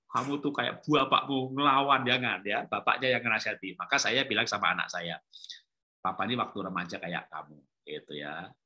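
A man's voice: mid-range voice, bright, forceful tone. A middle-aged man preaching a conversational church sermon, telling family stories and acting out the voices of his children.

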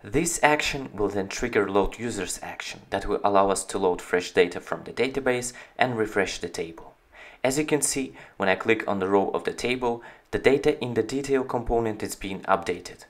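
Over screen-recorded footage, a man who founded the company explains his product step by step, steady and clear. His pitch is on the low side and his pace moderate.

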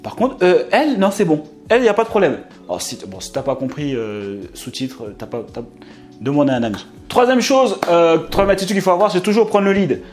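A man's voice: fairly high pitch, a little fast, soft background music. A young man giving dating advice in a casual, slangy, joking storytelling manner. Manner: animated, streetwise, slangy and joking. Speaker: dating advice video host.

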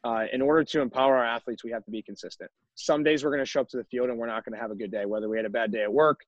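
A man's voice: mid-range voice, steady tone, rapid-fire, no echo. A young man, a college baseball coach, talking emphatically to other coaches on a video call and often tagging points with "right?". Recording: dull, dry video-call audio.

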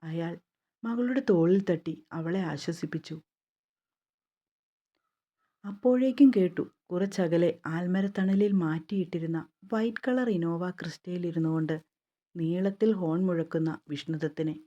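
A woman narrating a romance novel in a calm, steady storytelling manner. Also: lowish voice, normal speed, muffled recording.

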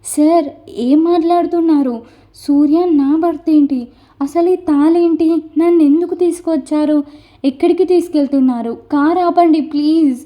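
A woman's voice: sits high, fairly even intonation, normal speed, warm tone, voice pushed up, lightly acted. A woman voicing a frightened young bride who pleads through tears in a storybook narration. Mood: tearful pleading. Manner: pleading, crying, breathless questions. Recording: dull lo-fi recording.

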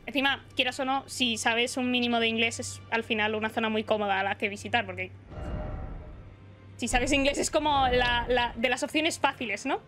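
A woman's voice: a little high, moderate pace, a bit bright, soft background music. A young woman streamer from the Basque Country chatting casually and rambling while gaming. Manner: chatty, reads chat aloud, rambling.

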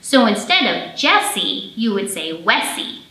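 With big pitch swings around a medium register, a woman in her thirties reads and presents to young children at a measured pace, her tone bright and forceful. She's a librarian recording an online storytime in an echoing indoor library room, speaking to the kids expressively and directly.

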